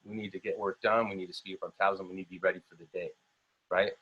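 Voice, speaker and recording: A man's voice: deep voice, little pitch movement, racing, breathy edge, highs cut off. A young adult man, a health coach, giving an upbeat motivational training talk on a video call, full of fillers and restarts.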